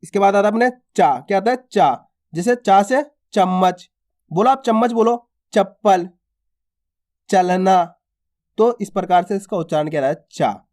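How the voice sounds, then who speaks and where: A man's voice: sits high, normal speed, darkish tone. A man teaching how to read the alphabet, drawing out each letter sound and then giving example words, often checking whether his listeners follow. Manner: addresses listeners as friends and asks if they follow. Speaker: Hindi reading teacher. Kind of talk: alphabet lesson.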